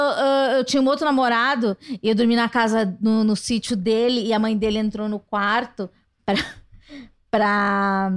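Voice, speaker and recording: A high-pitched woman from Brazil hosts a casual podcast chat. She tells stories with animated energy and laughs often. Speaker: podcast host.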